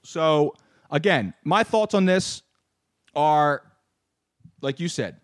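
A man in his thirties hosting a casual sports talk show, animated and ranting, often repeating words. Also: on the high side, slow pace, no room sound, clean studio sound. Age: 30s. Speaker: podcast host.

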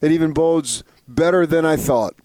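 A man's voice: on the high side, moderate pace, darkish tone. A man co-hosting sports talk, giving conversational commentary and repeating phrases for emphasis. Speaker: sports radio co-host.

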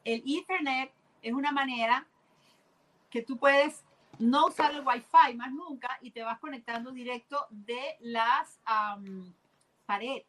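A woman's voice: high voice, takes it slowly, fairly bright tone, low-quality recording. A woman guest explaining her ideas earnestly and with enthusiasm in casual conversation.

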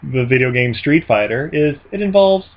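Podcast co-host with deadpan humor; mid-range voice, slightly muffled recording. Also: medium pitch, normal speed. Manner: dry, joking, laughs often. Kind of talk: casual movie podcast chat.

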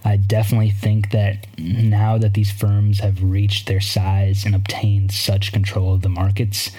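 A man hosting a podcast, giving market commentary in a measured, explanatory way. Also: fairly low pitch, darkish tone, husky, low-quality recording. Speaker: podcast host.

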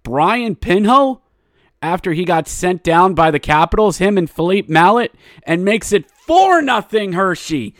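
A man hosting a sports podcast calls rapid hockey play-by-play, excited and in punchy clipped phrases that build toward goal calls. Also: high-pitched, no room sound, studio quality.

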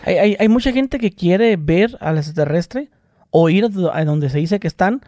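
A man's voice: sits high, expressive, moderate pace, warm tone, dry recording, studio quality. A man hosting a casual interview, asking short, curious questions and stumbling over his words now and then. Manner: brief, curious questions with some stammering. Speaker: interview host.

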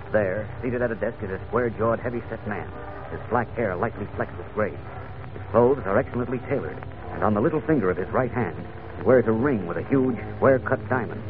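A man with an American accent narrating a radio serial in dramatic, scripted 1940s style. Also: on the low side. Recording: narrow old radio recording. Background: music.

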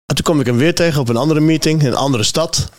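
A man's voice: fairly high pitch, fast talker, a little mellow, dry recording, clean studio sound. A man hosting a casual chat, asking questions and telling anecdotes in an informal way. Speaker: host.

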